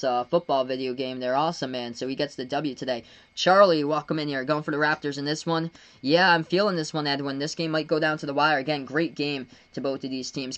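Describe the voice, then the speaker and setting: A young man from Massachusetts streaming live basketball play-by-play. He speeds into excited calls of the action between relaxed chats with viewers. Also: on the high side. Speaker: live-stream sports commentator. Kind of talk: live play-by-play with chat shout-outs.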